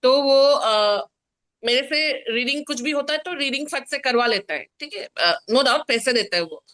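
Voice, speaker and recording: A woman tarot reader casually telling a story in an animated, indignant way, with many fillers. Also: high-pitched, normal speed.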